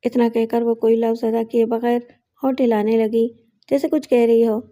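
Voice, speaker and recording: A woman narrating an emotional moral story in a steady, measured storytelling voice. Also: a little high.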